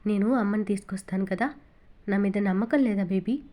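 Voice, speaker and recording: A woman voicing a loving young father who gently soothes his son and stays resolute. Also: medium pitch, fairly quick, close to an everyday voice. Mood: tender.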